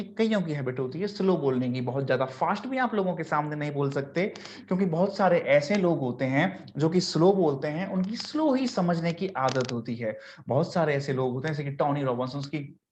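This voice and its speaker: A man's voice: fairly high pitch, a little mellow. Man, speaking trainer, online class lecture, dull lo-fi recording, faint hiss. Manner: mixes Hindi and English, repeats key points.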